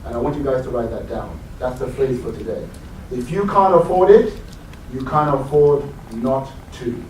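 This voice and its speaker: This UK man gives a motivational talk in front of a live crowd, mixing anecdotes with questions for listeners. He has a high-pitched, slightly mellow voice, and the distant recording in a reverberant hall carries a faint hiss or hum.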